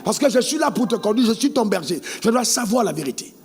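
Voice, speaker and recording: High-voiced preacher, sing-song and animated. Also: male voice, fast, breathy edge, faint music behind. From Côte d'Ivoire. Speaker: pastor. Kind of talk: sermon.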